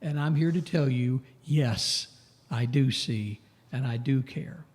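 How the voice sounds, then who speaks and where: A man preaching a sermon in a church, slow and emphatic, lifting his voice on questions and dropping low for asides. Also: a little mellow. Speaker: pastor.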